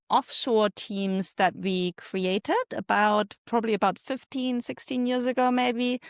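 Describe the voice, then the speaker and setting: A middle-aged woman from Germany, a podcast guest talking casually and relaxed, with many small fillers. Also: mid-range voice, smooth, no echo, studio quality. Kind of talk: casual interview talk.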